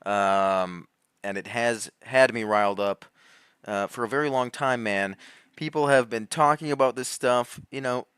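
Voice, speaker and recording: A man giving heated, rambling commentary, laughing often and swinging between loud outbursts and low muttering. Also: fairly even intonation, unhurried, smooth, no echo, clean studio sound. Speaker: commentary host. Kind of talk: animated conspiracy commentary.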